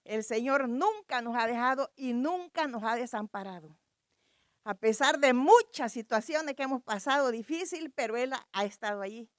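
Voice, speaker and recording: A woman's voice: on the high side, animated, normal speed, no room sound, studio quality. A middle-aged woman, a pastor's wife, giving an earnest, fervent church testimony. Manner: earnest, fervent, praising God.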